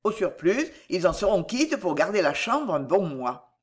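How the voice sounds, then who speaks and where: A seasoned swordsman from a storybook, voiced by an audiobook narrator, speaks with calm, cutting irony. The voice sits in a middle pitch but moves around a lot. It is measured and unhurried, even in a fight. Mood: calm grave. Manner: calm, dry and mocking. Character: cool, ironic male swordsman, seasoned fighter. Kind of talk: audiobook character voice.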